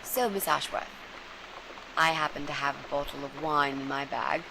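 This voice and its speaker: A woman voicing a friendly, eager young flatmate in a horror video game who chatters on. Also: low voice, moderate pace. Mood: chatty. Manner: friendly and eager, talks on in a rush. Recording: rain noise behind the voice.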